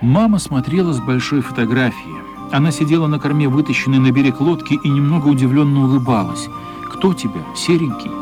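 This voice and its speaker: A thoughtful male storyteller voiced by an actor narrates a children's radio drama at a middling pitch. The reading is expressive and reflective, with music playing faintly behind it. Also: brisk, natural voice. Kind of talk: scripted narration in a radio play.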